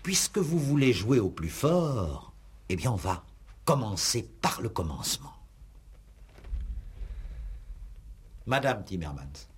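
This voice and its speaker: In a 1960s French radio police play, a male actor portrays an insistent, exasperated examining magistrate who is pressing and sarcastic in a formal, theatrical style. His fairly low voice is sing-song and unhurried, with a breathy edge and an exaggerated delivery.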